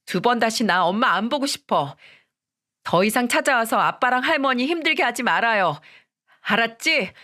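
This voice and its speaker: A woman's voice: fairly high pitch, normal speed, voice pushed up. A woman doing a firm ten-year-old girl. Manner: calm, firm, childlike speech.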